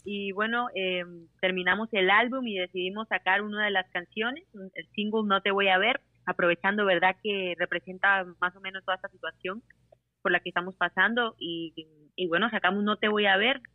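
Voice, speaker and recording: A woman's voice: medium pitch, steady tone, fairly quick, no echo. A woman raised in Costa Rica and Panama, a singer-songwriter guest chatting in an interview over the phone and laughing often between phrases. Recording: tinny phone line.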